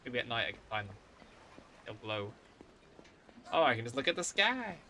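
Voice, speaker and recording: A man's voice: medium pitch, very animated, moderate pace, sharp tone, slight background noise. A man giving casual live gameplay commentary as a streamer, often muttering to himself. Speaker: game streamer.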